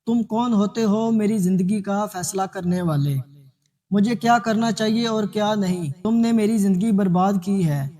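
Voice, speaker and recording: A man's voice: high voice, mellow. A man voicing a desperate, heartbroken young mother who speaks in angry accusations.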